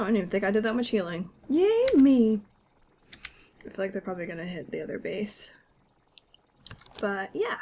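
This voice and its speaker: A gaming YouTuber with a cold speaks in a fairly low, congested voice, captured in a muffled recording with a little hiss or hum. Using a desktop mic and no webcam, she gives casual gameplay commentary, chatting and laughing at herself.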